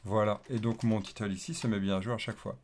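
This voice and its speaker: A man's voice: on the low side, fairly even intonation, quick pace, darkish tone, slight background noise. A man talking through a casual coding screencast, thinking aloud as he types, with lots of fillers and repeated okays. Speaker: developer teaching coding. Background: keyboard typing and clicks.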